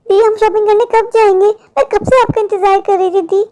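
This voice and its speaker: A sulky little girl from a cartoon, the younger sister who complains and pouts, as a woman puts her on. Her voice is very high and childish. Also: flat delivery, fairly quick, warm tone.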